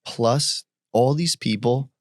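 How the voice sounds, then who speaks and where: A man in his thirties from the United States, chatting casually as a podcast guest and telling animated stories. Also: dry recording, studio quality. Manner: animated, quick jumps in pitch when quoting people. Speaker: podcast guest, entrepreneur and father. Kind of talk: casual conversational storytelling.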